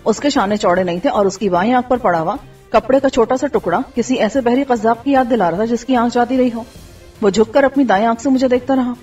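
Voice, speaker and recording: A woman narrates a story in a steady, husky voice pitched a bit high. The sound is dull and slightly far from the mic, with faint music running under it. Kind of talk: scripted audiobook narration.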